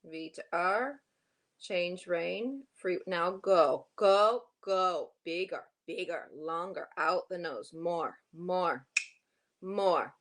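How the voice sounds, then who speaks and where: A woman coaching a horse riding lesson, projecting brisk, urgent, repeated short commands with encouragement. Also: lowish voice, fairly bright tone.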